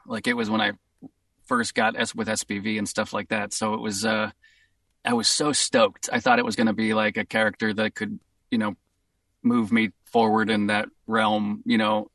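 A man with a Boston accent, a voice actor, talking in a casual interview in an upbeat, excitable way and laughing easily. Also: fairly low pitch, gravelly, no echo, clean studio sound, distant mic. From Boston, USA. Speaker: voice actor guest.

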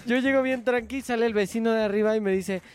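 A man's voice: very high-pitched, fairly even intonation, quick pace. A young man with a Mexican Spanish accent, chatting casually and telling stories animatedly, acting out other people's voices. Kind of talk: casual chat.

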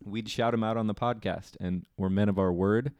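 Deadpan young man hosting a podcast. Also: on the low side, normal speed, dry recording. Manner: deadpan jokes, announcer-like segments. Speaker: podcast co-host. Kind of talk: casual podcast banter.

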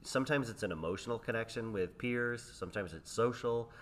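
A man's voice: mid-range voice, fairly quick, a bit bright, a little hiss or hum. A man, an educator, talking casually and reflectively with colleagues at a conference. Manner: reflective, then jokey and laughing. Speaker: educator, podcast guest. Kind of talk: casual chat. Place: conference venue.

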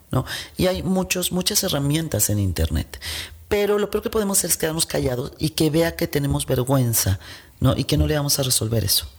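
Husky Mexican woman explaining earnestly. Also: low-pitched. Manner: earnest, explanatory, acts out quotes. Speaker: guest, head of a child welfare organization. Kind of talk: conversational interview.

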